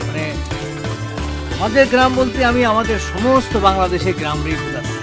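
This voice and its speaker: An actor playing a reformed club president who speaks politely and formally, like giving a little speech. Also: male voice, sits high, lively intonation, fairly quick, music in the background. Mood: earnest, polite. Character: earnest reformed young man, club president.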